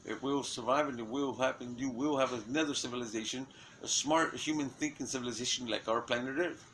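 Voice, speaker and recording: A man's voice: mid-range voice, steady tone, fairly quick, fairly bright tone, a little hiss or hum, rough recording. A man in an unscripted monologue, rambling through restarts and fillers and swearing often. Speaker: self-styled messenger giving a prophecy.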